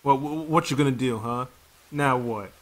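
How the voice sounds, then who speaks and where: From a small room at home, a twenty-something video host gives casual reaction commentary in a mid-range voice at normal speed, rambling and frequently looping back to reword things.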